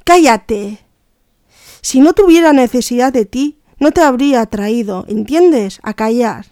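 A woman's voice: fairly high pitch, expressive, unhurried, mellow, no echo, clean studio sound. A woman reading aloud voicing a cold, threatening male smuggler with curt, commanding orders.

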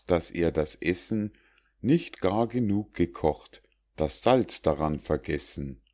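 A man reads old rhymed fables for an audiobook in a measured, recitative manner. His voice sits low. He takes the verse at an unhurried pace. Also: a little mellow. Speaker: audiobook narrator. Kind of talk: scripted narration of rhymed fables.

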